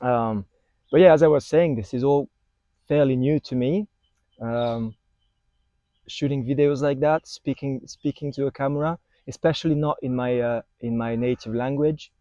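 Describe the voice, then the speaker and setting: Here a young Frenchman in his twenties chats hesitantly to his camera in a city park, restarting often and leaning on fillers, with a French accent. His medium-pitched voice is warm and moves at normal speed. The audio, from a clip-on wireless mic recorded to a phone, is dull and has no echo.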